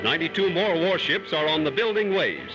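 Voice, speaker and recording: A man's voice: a little high, sing-song, fairly quick. A man narrating an old 1940s newsreel in a punchy, declarative announcing manner, on dull lo-fi film sound. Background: loud music.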